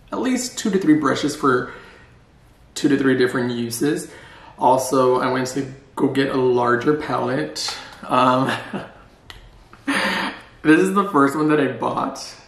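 A man's voice: medium pitch, slow pace, creaky, pauses often, fairly bright tone. Chatty, playful man in a roomy space. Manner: playful, chatty and self-mocking. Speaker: vlogger. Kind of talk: casual vlog chat. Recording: roomy echo.

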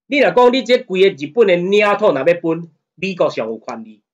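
A man's voice: high-pitched, very animated, fairly quick, dull audio. A man with a Taiwanese accent giving a casual law lecture, often checking whether listeners follow and growing emphatic as he argues. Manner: conversational, often asks "you know what I mean?"; grows heated and emphatic when arguing. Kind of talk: casual lecture in Taiwanese Hokkien mixed with Mandarin.

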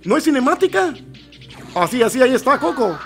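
A man giving excitable, nervous let's-play commentary and constantly calling out to his viewers. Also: extremely high pitch, brisk, gravelly, soft background music. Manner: excitable, nervous reactions, keeps addressing viewers as "gente". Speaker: gameplay commentator.

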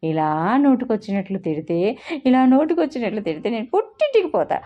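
A woman's voice: very animated, unhurried. A woman narrator voicing a naive young village wife who speaks innocently and pleadingly, in a storybook reading. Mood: upset. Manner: innocent, plaintive, high-pitched pleading. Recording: dull lo-fi recording.

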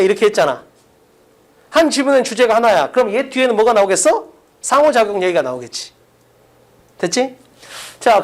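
Lively-pitched man teaching a class. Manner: casual, blunt, quizzes students by name. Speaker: English teacher. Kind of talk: classroom lecture.

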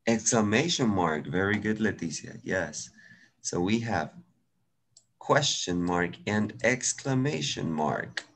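A man's voice: lowish voice, lively intonation, takes it slowly, gravelly, fairly bright tone. A man with a Venezuelan accent teaching English in an online class, switching between Spanish and English, patient and encouraging.

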